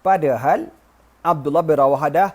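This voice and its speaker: A male preacher who tells a religious story in a joking, lively way, moving between recited Arabic and casual slang. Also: on the high side, normal speed. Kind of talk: humorous storytelling sermon.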